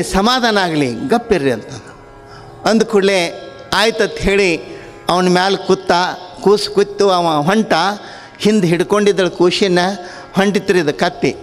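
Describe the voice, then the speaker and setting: A man with a high voice tells a story as a sermon. He acts out each character's lines with animated shifts in delivery. His voice rings in a long hall reverb, with faint music underneath. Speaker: swami giving a religious discourse.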